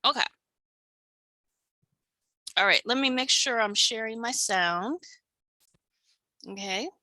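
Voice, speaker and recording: A woman's voice: on the high side, slow, pushed and bright, dry recording. A woman co-hosting a casual online chat from her home studio, goofy and giggly, over a video call. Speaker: co-host.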